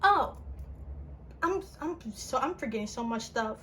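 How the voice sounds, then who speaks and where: A young woman casually telling a personal story on her channel, her voice jumping up in pitch and full of "like" fillers. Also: unhurried, a little hiss or hum. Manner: animated, with big pitch jumps and frequent "like" fillers. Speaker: vlogger.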